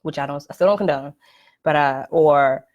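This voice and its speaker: A woman with a low, slightly dark voice speaks at a moderate pace while hosting her first live podcast from home. She keeps it casual and conversational, constantly checking in with "right?" and dropping "um" fillers. The stream picks her up through a computer or phone mic.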